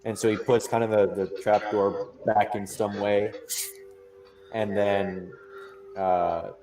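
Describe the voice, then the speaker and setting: A man's voice: fairly low pitch, little pitch movement, takes it slowly, a crowd in the background. A young man narrating as game master for a tabletop game, often repeating words as he restarts his sentences. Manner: stammering restarts, acts out characters' lines.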